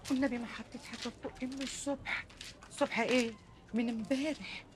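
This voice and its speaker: An actress playing an older, meddling aunt with an Egyptian accent, who talks fast and scolds loudly in a TV drama. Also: female voice, a little high, fairly even intonation, background noise, natural voice. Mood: lamenting, gossiping. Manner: scolding, fast, shouting in quarrels. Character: grieving, meddling aunt, loud and quick-tempered.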